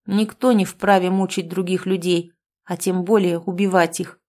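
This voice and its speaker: A woman's voice: lowish voice, fairly even intonation, normal speed, warm tone, natural voice. Woman reading a cold, vengeful male hero. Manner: cold and mocking. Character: vengeful man, the first-person hero.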